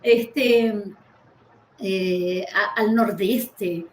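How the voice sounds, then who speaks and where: A Uruguayan woman who teaches languages chats casually and animatedly in Uruguayan-accented Spanish, laughing often and hopping from topic to topic. Her mid-range voice stays fairly even and very slow, heard in an echoey room with slight background noise.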